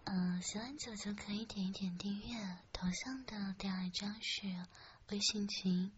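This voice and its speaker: A woman's voice: mid-range voice, fairly even intonation, unhurried. A young woman whispers close to the mic as she hosts a late-night stream, teasing her listeners playfully. The sound is a little dull and lo-fi, with faint hiss and the odd click behind her. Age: young adult. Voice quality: soft whispering. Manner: teasing, playful, reads comments. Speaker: radio streamer host. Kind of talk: whispered live-stream chat.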